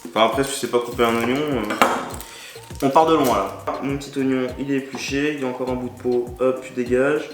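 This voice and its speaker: A man hosts a casual cooking vlog, talking straight to the viewer in a steady, mid-range voice at a fairly quick pace. Chatty and joking, he uses slangy speech, recorded in an echoey room with loud background music.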